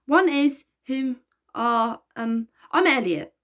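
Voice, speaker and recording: A woman's voice: mid-range voice, expressive, a little fast, natural voice. A woman putting on an eager cheeky schoolboy.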